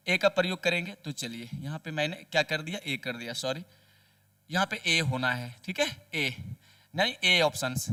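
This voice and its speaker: High, bright-voiced male Hindi teacher. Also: distant mic. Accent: Hindi-speaking Bihar. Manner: repeats each answer after asking it aloud. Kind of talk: grammar lesson with rhetorical questions.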